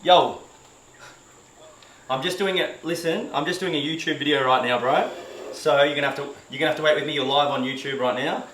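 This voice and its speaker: Aussie bloke doing meal prep, bit higher voice, chatty and jokey, kitchen echo. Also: male voice, fairly even intonation, quick pace, fairly bright tone. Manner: chatty, jokey, self-mocking, loose with fillers. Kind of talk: casual cooking vlog. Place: home kitchen, indoors. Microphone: camera mic, filmed by a helper. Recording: roomy kitchen with faint cooking noise.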